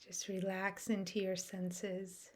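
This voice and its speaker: Guiding a meditation, a woman talks slowly and without hurry in an average-pitched, monotone voice. Her delivery is soft and calming, made of short, measured phrases with long pauses in between.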